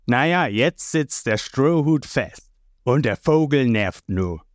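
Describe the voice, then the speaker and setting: A man's voice: mid-range voice, animated, slow, no echo, clean studio sound. A man voicing a crude male henchman who sneers and mocks. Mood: mocking. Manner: mocking, sneering.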